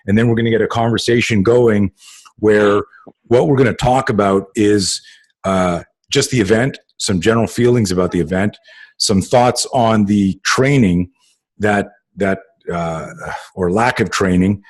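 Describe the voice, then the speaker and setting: A man's voice: fairly low pitch, measured pace. A man hosting a casual group call, rambling with many fillers and swearing freely. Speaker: podcast host.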